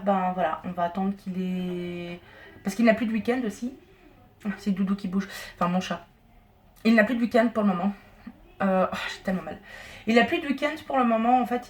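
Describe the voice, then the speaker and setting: A woman's voice: mid-range voice, darkish tone. A woman chatting casually as a vlogger, rambling with lots of fillers, filmed on a handheld camera at home and out walking. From Turkish family. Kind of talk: casual vlog chat. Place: home and outdoors, on the move.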